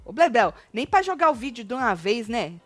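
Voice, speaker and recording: A woman's voice: on the high side, big pitch swings, fairly quick, a bit bright, no echo, soft background music. Chatty teasing woman host. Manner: chatty, teasing, repeats phrases for effect. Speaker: show host. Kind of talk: casual gossip chat.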